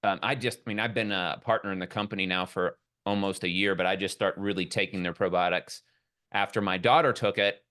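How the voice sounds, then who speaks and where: Man, podcast guest, rather low voice, bright forceful tone, rambling enthusiastic talk. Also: fairly even intonation, a little fast. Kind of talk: casual podcast conversation.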